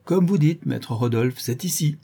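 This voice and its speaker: A man voicing a rough, loyal Parisian ex-brawler who rambles in street slang. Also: a little high, expressive, unhurried, dark tone, voice pushed up, heavily acted. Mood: confiding.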